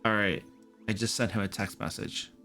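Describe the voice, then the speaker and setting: A man's voice: lowish voice, steady tone, moderate pace, pushed and bright, faint music behind. A man running a tabletop game as game master, teasing his players and laughing often. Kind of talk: casual tabletop game chat.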